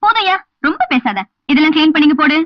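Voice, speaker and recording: A woman's voice: high voice, a little fast, no echo, natural voice. A woman playing a bossy, haughty employer in a film comedy. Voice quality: commanding. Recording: dull lo-fi film soundtrack with loud music.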